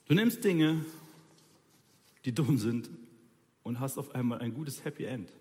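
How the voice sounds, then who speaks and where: A man's voice: medium pitch, animated, unhurried, mellow, big-room sound. A man preaching an informal sermon, talking straight to his listeners in a colloquial, ironic way.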